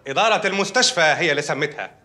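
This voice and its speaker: An actor with an Egyptian accent playing a hospital doctor in a film comedy, delivering absurd news matter-of-factly. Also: male voice, a little high, animated, racing, pushed and bright. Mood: deadpan. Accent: Egyptian Arabic. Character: deadpan hospital doctor, adult man.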